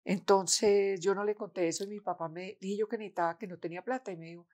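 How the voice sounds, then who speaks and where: A woman's voice: medium pitch, fast talker. An older woman with a Colombian accent, a guest in a conversation, telling a personal family story and acting out the voices of the people in it. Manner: animated, acts out the voices of people in her story. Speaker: interview guest, mother of the host.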